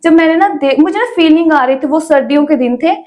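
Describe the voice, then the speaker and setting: A young woman with a high voice tells her faith testimony in a casual interview. She talks in a chatty way, with many small fillers between her words. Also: a little fast, a little mellow. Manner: chatty storytelling with frequent "ना" fillers. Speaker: guest sharing her testimony.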